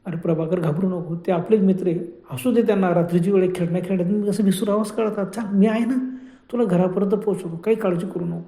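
A man voicing a calm young man who soothes a frightened friend in a spoken horror story, in a steady, soothing tone. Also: sits high, fast, roomy sound. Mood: reassuring.

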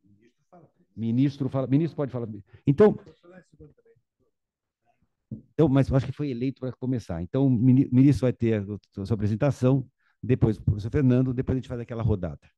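Dark-voiced man moderating, dry dull sound. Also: mid-range voice, no echo. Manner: argumentative, emphatic, quick asides. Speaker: moderator and debate chair. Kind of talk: formal discussion and moderating. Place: large conference room.

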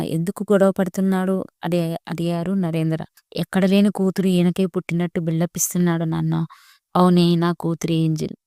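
Female narrator for a romance story, low gravelly voice, mellow and flat, dry close sound. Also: no room sound. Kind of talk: scripted narration of a romantic story, voicing all characters.

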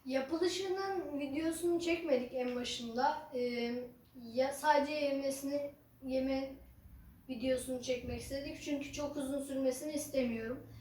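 A woman chatting casually to viewers as an eating vlogger, halting and unhurried, with some drawn-out words. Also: sits high, a little mellow. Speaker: mukbang ASMR vlogger. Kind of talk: casual chat to camera while eating. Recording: roomy echo, distant mic, faint noise.

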